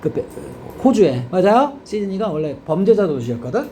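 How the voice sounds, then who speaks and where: Lively Korean man teaching English grammar. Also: sits high, fairly quick, a little hiss or hum. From South Korea. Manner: constant checking questions to students. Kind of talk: classroom grammar lecture.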